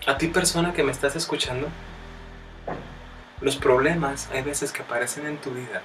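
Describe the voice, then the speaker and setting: A man preaching a sermon with a strained throat, addressing the listener directly as brother and rising to loud, emphatic passages. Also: medium pitch, steady tone, normal speed. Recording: distant mic with faint music.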